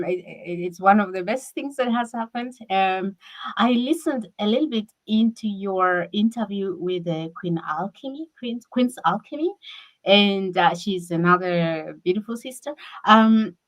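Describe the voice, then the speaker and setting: A woman from Kenya, talking as a guest in a casual conversation over a video call. She speaks haltingly and restarts her sentences often. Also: medium pitch, rough recording. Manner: halting, with many repeated restarts.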